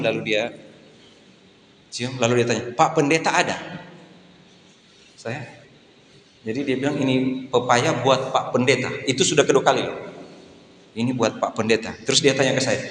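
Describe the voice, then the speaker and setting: A middle-aged male pastor with an Indonesian accent preaches a sermon in a church hall, his mid-range voice fairly bright. He's anecdotal and jokey, telling stories and acting out the voices of the people in them. The echoey hall gives long reverb, with a little hiss or hum.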